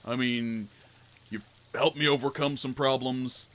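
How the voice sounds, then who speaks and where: A man's voice: mid-range voice, fairly even intonation, measured pace, a bit bright. Rambling, self-mocking male gamer. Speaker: gamer playing a detective game. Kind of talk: let's-play commentary.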